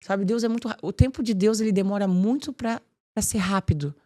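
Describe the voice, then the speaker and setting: A woman appearing on a podcast discusses faith and her job in a brisk, informal way at a medium pitch, often using "tipo assim" as filler.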